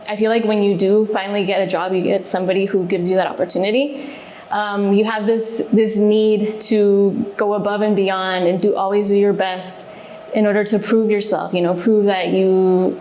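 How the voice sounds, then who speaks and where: As a guest on a casual interview, a reservations manager whose first language is Spanish, originally from Mexico but raised in Alaska, gives thoughtful answers broken by pauses and fillers. Her medium-pitched voice is level and darkish. An echoey room adds faint ambience, along with a little hiss or hum.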